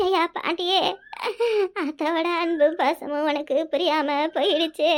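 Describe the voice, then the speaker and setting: A woman voicing an aging village mother with a southern Tamil village dialect, reproachful and pleading with her son in a cartoon. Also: extremely high pitch. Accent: southern Tamil Nadu village dialect. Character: aging village mother, grief-stricken and scheming. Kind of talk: cartoon voice acting.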